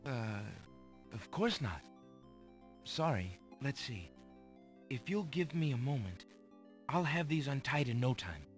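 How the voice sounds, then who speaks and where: A man's voice: medium pitch, big pitch swings, slow pace, pauses often, soft background music. A man voicing a polite, eager young prince hero in a video game, courteous and earnest.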